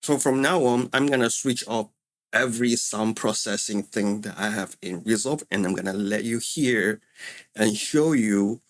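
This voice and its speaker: Speaking a little slowly in a fairly low voice, a man walks through an audio tutorial in relaxed, explanatory style, restating points for emphasis. The recording uses close studio microphones, condenser then dynamic, in a small untreated home room full of furniture.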